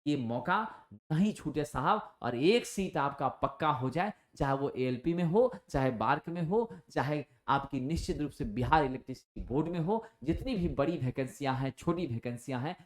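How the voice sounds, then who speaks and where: Male tutor, lively exam-prep lecturer, throws rhetorical questions, roomy echo. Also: a little high, normal speed. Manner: energetic, rhetorical questions, calls students friends. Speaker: coaching teacher. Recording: echoey room.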